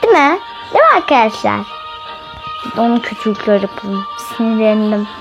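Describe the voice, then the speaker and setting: A woman doing let's play commentary as host of a gaming channel, chatty and excitable, talking straight to her viewers and often shrieking. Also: fairly high pitch, a little fast, over music. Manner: excitable, often shrieks and laughs while playing; chatty, keeps addressing viewers directly.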